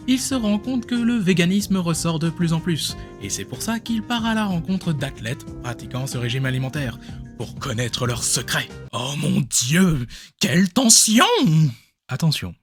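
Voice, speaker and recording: A man doing comedic commentary on a video, sarcastic, with joking asides. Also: fairly high pitch. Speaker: YouTuber.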